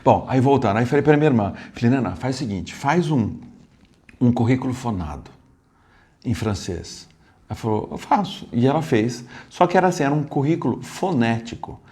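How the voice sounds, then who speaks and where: A man from Brazil telling a travel story to camera in a casual, animated way, with many asides and restarts. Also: medium pitch, fairly quick. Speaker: travel vlogger.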